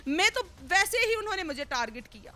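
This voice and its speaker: Woman, news interviewee, high lively voice, indignant, insistent.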